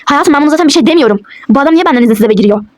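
A woman's voice: sits high, lively intonation, rapid-fire, darkish tone, slight background noise. A woman voicing a frantic young husband in a toy role-play, pleading and disbelieving. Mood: distraught.

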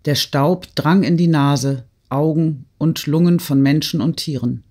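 A man reading a classic novel aloud in steady, measured audiobook narration. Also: fairly high pitch, husky.

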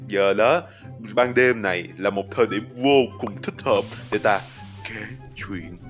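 A man voicing a doting father in a game role-play video, teasing and animated. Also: fairly low pitch, measured pace, close to an everyday voice. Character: doting middle-aged father of a boy. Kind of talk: playful role-play banter. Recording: game music playing behind.

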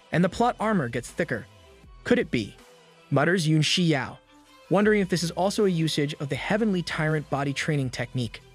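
A man reading a scripted manga recap, brisk and steady, with the odd dry joke. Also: a little high. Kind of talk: scripted narration. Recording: narration over background music.

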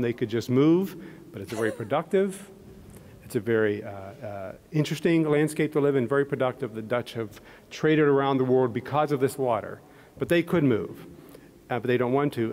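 A middle-aged man with a Pittsburgh accent, an embassy economist and panel moderator, gives a public talk into a podium microphone in a large hall. He speaks conversationally at medium pitch, a little fast and a little mellow, with frequent fillers and restarts, and long hall reverb trails his words.

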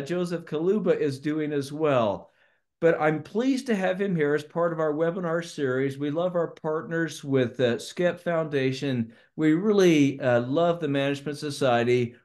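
An older man introducing a guest speaker on a video call from home, in a relaxed, folksy way with fillers and restarts. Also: fairly high pitch, moderate pace. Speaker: board member introducing the speaker. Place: home room with shelves. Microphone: webcam on a video call.

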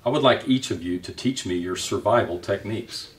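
A man voicing a calm, polite female robot who speaks in an even, measured way. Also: lowish voice, distant mic, lightly acted.

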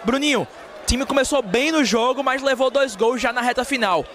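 Male sideline reporter, Brazilian accent, very high pitch, live reporting, clearly noisy outdoor stadium. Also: moderate pace, fairly bright tone. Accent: Brazilian Portuguese.

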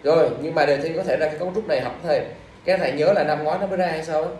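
A man's voice: fairly high pitch, fairly even intonation, rapid-fire, darkish tone, slight background noise. Male English teacher, quizzing and scolding a class; distant, roomy recording. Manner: scolding, drilling questions at students. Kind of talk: classroom exam review lesson. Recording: echoey room from far off.

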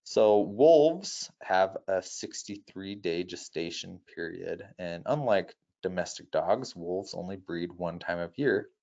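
A man presenting wildlife in an unscripted nature documentary style, measured and informative, with halting self-corrections. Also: low voice, lively intonation, creaky, mellow, highs cut off.

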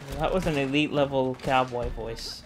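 Low-voiced woman teasing friends over gunfire. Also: fairly even intonation, moderate pace. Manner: dry, teasing banter. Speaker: gaming channel host. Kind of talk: casual chat while gaming. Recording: noisy game audio under voice chat.

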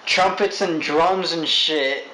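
A man's voice: fairly high pitch, slow pace, noisy background. A young man chatting casually about a movie, rambling, swearing and stumbling over his words. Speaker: co-host. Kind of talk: casual movie review chat.

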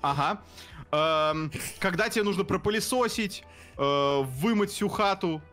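A man in casual chat with friends, explaining words in a party game with halting, filler-heavy speech and swearing. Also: high-pitched, fairly bright tone, soft background music.

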